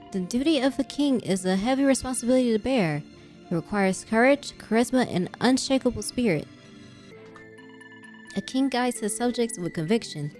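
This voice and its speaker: A woman's voice: fairly high pitch, darkish tone, pitched above the performer's own voice, lightly acted. A woman doing a pompous royal game announcer. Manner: grand, ceremonial proclamation.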